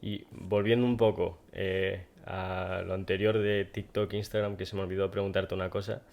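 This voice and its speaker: A man's voice: deep voice, level tone, moderate pace, gravelly, a little mellow. A man hosting a podcast interview, asking hesitant questions full of fillers. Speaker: podcast host.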